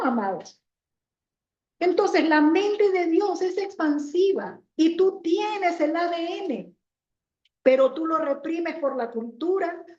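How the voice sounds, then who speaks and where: Female preacher, storytelling sermon, high voice, dull echoey hall sound. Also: a little mellow. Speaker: pastor.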